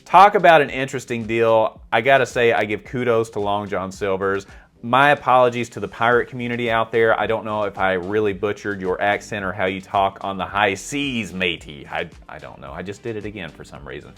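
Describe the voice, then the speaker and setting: Low-voiced chatty male vlog host. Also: brisk, fairly bright tone. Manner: chatty, self-deprecating, asks viewers for opinions. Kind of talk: casual vlog commentary.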